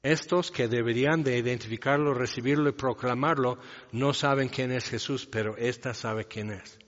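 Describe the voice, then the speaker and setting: A man's voice: medium pitch, fairly even intonation, moderate pace. A man preaches a sermon in a large reverberant hall, as if in a church. He talks through the passage in a loose, explanatory way, often turning to the listeners with questions. The sound is muffled and lo-fi, and a long echo trails after each phrase. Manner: conversational, explaining a passage with asides and rhetorical questions. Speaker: pastor.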